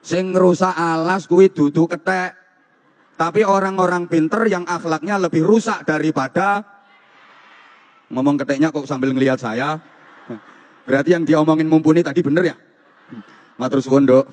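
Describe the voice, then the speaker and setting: Joking Javanese preacher in a reverberant hall. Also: male voice, on the high side, normal speed, pauses often. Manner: jokey, repetitive rhythmic phrasing, teasing the audience. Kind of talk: humorous sermon to students.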